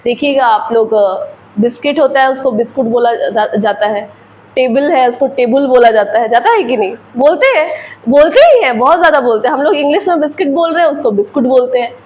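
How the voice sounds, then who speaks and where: A woman's voice: high voice, animated, a little fast, darkish tone, poor audio. A woman English teacher with an Indian accent, explaining grammar in a patient classroom lecture with repeated examples.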